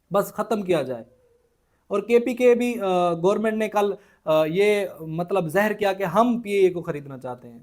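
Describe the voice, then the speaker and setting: High-voiced man in an indignant political vlog. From Punjab, Pakistan. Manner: indignant, rhetorical questions, frequent hesitations. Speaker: political vlogger.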